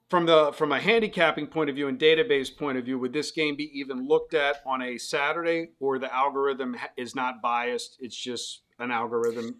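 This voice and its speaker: A man's voice: medium pitch, a bit bright. A middle-aged man hosting a casual betting chat, rambling and restarting his questions as he talks. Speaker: host. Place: Las Vegas.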